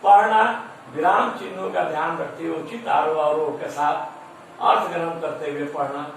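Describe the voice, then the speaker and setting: A man's voice: a little high, fairly even intonation, moderate pace, vocal fry. A man giving a classroom lecture, listing points one by one and stressing syllables to show pronunciation. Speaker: teacher-training lecturer. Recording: echoey room from far off, faint noise.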